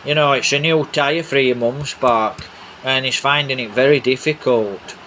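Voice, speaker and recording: Steady rain drums on a roof behind this vlogger as he talks loosely and repetitively over his footage. He speaks a little slowly in a mid-range voice.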